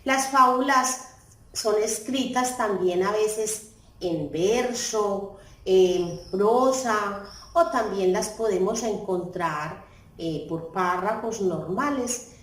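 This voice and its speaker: A woman teaching a lesson, explaining slowly and stressing key words. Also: roomy sound, rough recording. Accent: Colombian Spanish. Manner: deliberate, stressing key words with pitch jumps. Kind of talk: slow classroom explanation.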